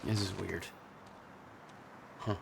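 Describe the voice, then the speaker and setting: A man playing a wary male fugitive hero in a video game, gravelly and understated. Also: low voice, steady tone, slow, slight background noise, exaggerated voice. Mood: puzzled.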